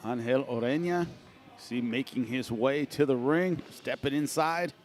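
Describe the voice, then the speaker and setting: A man's voice: medium pitch, unhurried, soft background music. A man giving conversational live play-by-play commentary on boxing.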